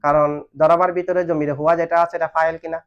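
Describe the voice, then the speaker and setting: A man with a fairly high, level voice speaks quickly while teaching an Arabic grammar lesson in class. He poses questions and waits for students to answer back. The recording is dull and lo-fi.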